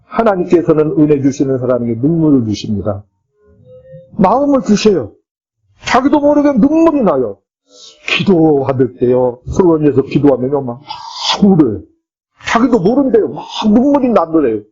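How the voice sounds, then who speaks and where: Lively, emphatic Korean pastor preaching. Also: male voice, normal speed, slightly rough, lo-fi sound, faint music behind. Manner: emphatic, swinging between high exclamations and low asides. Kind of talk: sermon.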